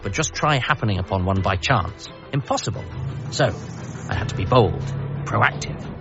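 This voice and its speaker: A man with a fairly low, animated voice speaks at a moderate pace over music, and the audio sounds dull. He's an actor in a radio comedy drama, playing a frantic, paranoid son who earnestly believes he must save the Earth. Mixing first-person narration with dialogue, he sounds earnest and urgent, conspiratorial and self-deprecating.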